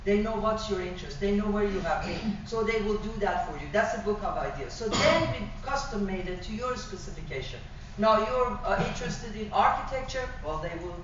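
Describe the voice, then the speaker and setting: A middle-aged woman from Iran with a Persian accent, giving an animated sales presentation about private travel to a small audience. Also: medium pitch, brisk, background noise. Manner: animated, gesturing, with frequent fillers and restarts. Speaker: tour operator presenter. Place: small function room. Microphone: far room camera. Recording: distant, echoey, dull room recording.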